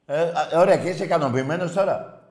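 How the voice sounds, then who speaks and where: Casting: loud, mocking male call-in host, slightly high voice, roomy studio. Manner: loud, shouting and mocking rival fans. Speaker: radio call-in show host. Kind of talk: heated call-in sports banter.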